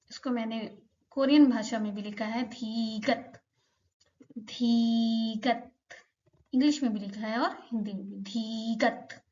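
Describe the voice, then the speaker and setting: एक महिला शिक्षिका धैर्य से पाठ समझाती है और हर उच्चारण को धीरे-धीरे दोहराती है।. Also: female voice, on the high side, lo-fi sound. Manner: patient, repeats each sound slowly for learners. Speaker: Korean language teacher. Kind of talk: slow explanatory lesson.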